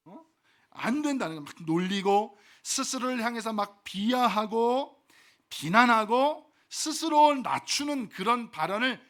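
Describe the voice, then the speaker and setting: A male pastor preaching a sermon and leading his congregation in call-and-response, swinging from loud exhortation to soft asides. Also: sits high.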